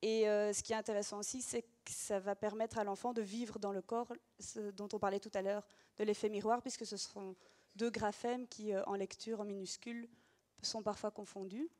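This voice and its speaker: A woman's voice: medium pitch, flat delivery, normal speed, warm tone. A woman teacher giving an explanatory demonstration of reading gestures, talking patiently with frequent hesitations.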